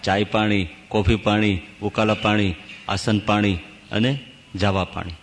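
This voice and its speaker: A man giving a religious discourse, telling stories and reciting folk verses with animated rises and drops. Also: lowish voice, measured pace, slight background noise. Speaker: swami giving a scripture discourse. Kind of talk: sermon. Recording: long reverb of a hall.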